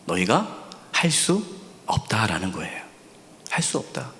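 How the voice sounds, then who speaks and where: A male senior pastor preaching a sermon, asking rhetorical questions, repeating key words, and dropping to a soft near-whisper for emphasis. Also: fairly low pitch, wildly swooping pitch, a little slow, gravelly, a little hiss or hum. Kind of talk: sermon at a Friday prayer service. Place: church sanctuary. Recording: long hall reverb in a church sanctuary.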